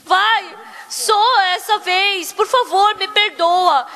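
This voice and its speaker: A woman doing a sobbing loan shark, begging, high and bright, church hall reverb. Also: slow, heavily acted. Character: pleading, tearful male loan shark.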